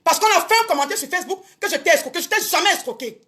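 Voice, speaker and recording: A woman with a very high voice defends herself in an indignant live video. She keeps repeating her points and speaks straight to her critics. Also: lively intonation, racing, pushed and bright. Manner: indignant, repetitive, addresses critics directly. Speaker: show business promoter. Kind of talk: Facebook live rant.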